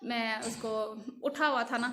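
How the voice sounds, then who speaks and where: Emotional woman vlogger, bright voice. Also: fairly high pitch, fairly even intonation, a little slow, slight background noise. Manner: emotional, rambling, repeats herself often. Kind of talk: casual vlog storytelling.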